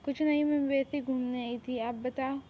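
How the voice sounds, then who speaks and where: Woman playing a shy sulky girl, all sorry sorry, highish voice, phone-y sound. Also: fairly even intonation, moderate pace, lightly acted. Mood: upset. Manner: pleading, apologetic. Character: innocent young girl, kidnapped, timid and sulky. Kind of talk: one-woman fan audio drama. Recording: tinny phone-like recording, faint hiss.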